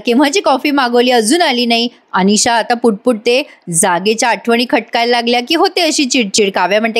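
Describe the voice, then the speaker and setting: Chatty high-voiced woman reviewing a serial. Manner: chatty, addresses viewers directly. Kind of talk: casual voice-over episode review.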